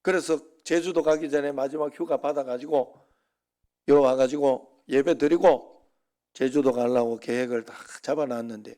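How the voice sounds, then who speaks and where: A man's voice: medium pitch, fairly even intonation, normal speed, warm tone. A middle-aged man preaching a Sunday sermon as pastor, conversational and full of rhetorical asides to the congregation.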